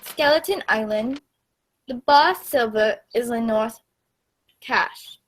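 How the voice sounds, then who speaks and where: A woman playing a frank gentleman doctor in a radio play, speaking in a measured, deliberate way. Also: fairly high pitch, low-quality recording.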